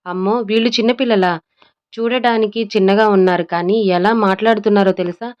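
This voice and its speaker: ఒక మహిళ ఆటపట్టించే, చిరుకోపం చూపే యువతి పాత్రను చేస్తోంది. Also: female voice, mid-range voice, steady tone, fast talker, darkish tone, clean tone, muffled recording, natural voice. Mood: teasing. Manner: teasing, mock-angry. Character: playful bossy young woman, quick to scold.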